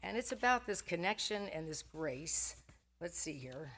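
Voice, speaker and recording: A woman's voice: on the low side, sing-song, unhurried, fairly bright tone, slight background noise. An older woman giving a casual sermon at a Sunday church service, chatty and self-deprecating, laughing often and restarting her sentences. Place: church sanctuary.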